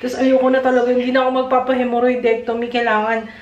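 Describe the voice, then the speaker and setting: A woman's voice: a little high, level tone, fast talker, dull audio. A woman vlogger talking candidly to her viewers at home in a casual, confiding way. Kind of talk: casual chat to camera.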